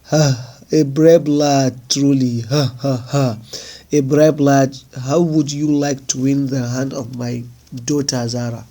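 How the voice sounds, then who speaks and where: A man's voice: mid-range voice, steady tone, measured pace, vocal fry, hardly any pauses, mellow. A man doing a proud, taunting desert prince. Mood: amused. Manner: mocking, commanding.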